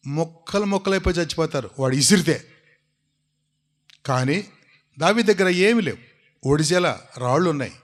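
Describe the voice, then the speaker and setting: A man preaching a sermon, telling a story with animation and calling out questions to his congregation. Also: on the high side. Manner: animated storytelling, asks the congregation questions and urges them to shout.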